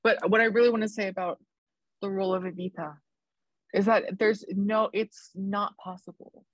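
A young woman co-hosting a casual podcast, talking emphatically in opinionated slang with vocal fry. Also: medium pitch, steady tone, normal speed, no echo, poor audio. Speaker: podcast co-host.

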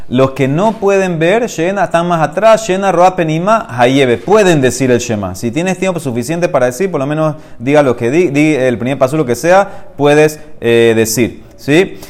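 Man explaining Talmud in an animated class. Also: fairly high pitch, normal speed. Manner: reads the text, then explains each phrase; addresses listeners directly, emphatic. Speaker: Talmud teacher.

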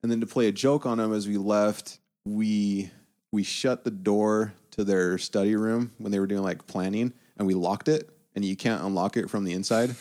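A man's voice: lowish voice, fairly even intonation, normal speed, darkish tone. A young man casually telling stories about his mission, laughing often as he talks. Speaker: guest. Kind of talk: casual storytelling.

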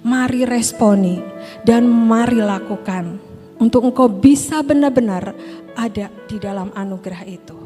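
A middle-aged woman pastor preaches in a relaxed, storytelling way, turning often to her listeners. Her voice sits high and bright. The hall gives a long reverb, and faint worship music plays underneath. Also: unhurried. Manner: conversational preaching, often addressing listeners as brothers and sisters. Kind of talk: sermon. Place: church hall.

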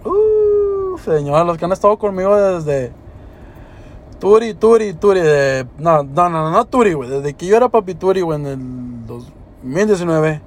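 A man's voice: on the high side, expressive, normal speed. A young man hosting a podcast, talking in a rambling, emotional, slangy way. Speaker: podcast host. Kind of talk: casual podcast chat.

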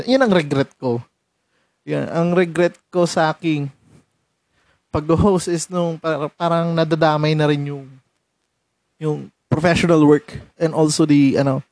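A man's voice: a little high, a little mellow, dry recording. A young man from Rizal in the Philippines, hosting his own podcast in casual chat, laughing often and mixing in English. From San Mateo, Rizal, Philippines. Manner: chatty, laughs often, switches between Tagalog and English. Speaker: podcast host.

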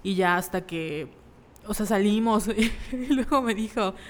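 A woman with a Mexican accent chatting casually, telling animated stories and acting out the voices in them. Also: mid-range voice, a little slow, long reverb tail, slight background noise. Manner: animated storyteller, acts out quotes, laughs often. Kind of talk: casual chat.

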